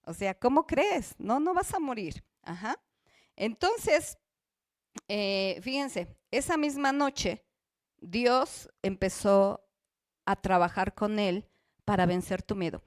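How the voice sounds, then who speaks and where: A woman's voice: medium pitch, expressive, takes it slowly, dry recording, clean studio sound. A woman preaching a sermon in church, asking the congregation questions and acting out the dialogue of the story.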